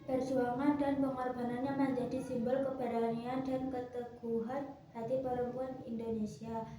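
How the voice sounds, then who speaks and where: A female pupil reading a text aloud to her class in a careful, steady way. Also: fairly high pitch, normal speed. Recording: very echoey room, far from mic, noisy.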